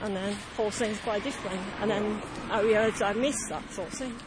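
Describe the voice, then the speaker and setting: A woman from Japan, chatting softly on a city walk. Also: medium pitch, a little fast. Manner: soft, frequent murmured agreement. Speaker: walk participant. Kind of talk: casual conversation while walking. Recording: outdoor street noise.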